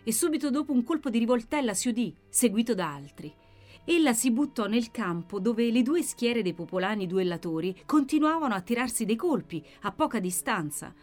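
A woman's voice: fairly quick, soft background music. A woman reading a novel aloud with vivid, dramatic narration. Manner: expressive, with sharp swings in pitch and loudness. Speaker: audiobook narrator.

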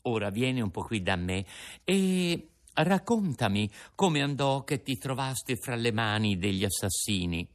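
A man voicing a patient, motherly fairy in a storybook reading, calm and gently scolding. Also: mid-range voice, a little slow, natural voice.

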